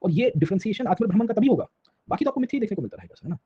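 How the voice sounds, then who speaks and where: Male history lecturer, rapid husky delivery, code-switching, dull lo-fi recording. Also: sits high, big pitch swings. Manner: keeps checking in with the class with tag questions; mixes Hindi and English mid-sentence. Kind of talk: Hinglish classroom lecture.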